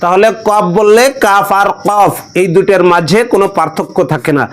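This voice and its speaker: A male Quran teacher leading a call-and-response pronunciation lesson, stretching each sound slowly for a class to repeat. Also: high-pitched, clean tone.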